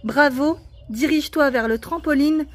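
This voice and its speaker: High-voiced, patient, encouraging woman. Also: a little hiss or hum. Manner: patient and encouraging, spells words slowly letter by letter. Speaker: parent guiding a child's treasure hunt. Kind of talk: casual family video chat. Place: outdoors in a garden.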